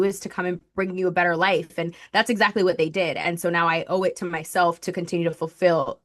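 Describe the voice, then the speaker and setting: A Colombian woman in her thirties, a marketing strategist appearing as a podcast guest, tells her story with a fairly low, fairly bright voice. She's chatty and talks nonstop, packing her speech with fillers and "likes."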